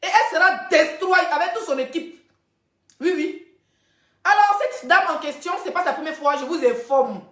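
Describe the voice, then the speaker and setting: Woman, high voice, animated gossip storytelling, live-stream host, echoey room. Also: moderate pace. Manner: chatty, animated storytelling, addressing viewers directly. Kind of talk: casual live-stream chat.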